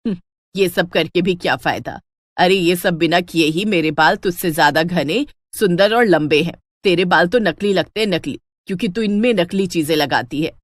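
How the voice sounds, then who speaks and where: A woman's voice: lowish voice, normal speed, no echo, clean studio sound, pitched below the performer's own voice, close to an everyday voice. A woman voicing a fierce, jealous middle-aged mother-in-law in a cartoon, scolding and bossy.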